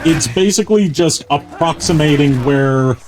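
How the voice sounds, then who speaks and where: A man giving casual, rambling gameplay commentary as a streamer, often pausing mid-thought. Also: on the high side, poor audio. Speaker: video game streamer. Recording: game music behind the voice. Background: video game music.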